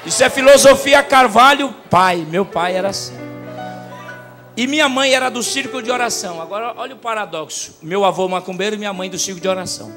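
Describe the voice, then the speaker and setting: Brazilian preacher, high male voice, swings from hush to shouting, live music under him. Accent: Brazilian Portuguese. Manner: storytelling, swings from quiet to shouting. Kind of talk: sermon.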